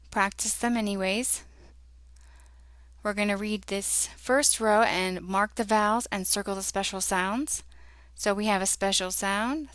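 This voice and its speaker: A woman teaching a phonics lesson, sounding out words letter by letter in a patient, deliberate way. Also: mid-range voice, fairly bright tone, no room sound, clean studio sound. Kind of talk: slow instructional phonics lesson.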